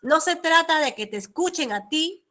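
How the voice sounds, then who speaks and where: A woman's voice: high voice, lively intonation, moderate pace, sharp tone. A young adult woman teaching a class, explaining step by step and often checking in with tag questions. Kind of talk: online class lecture.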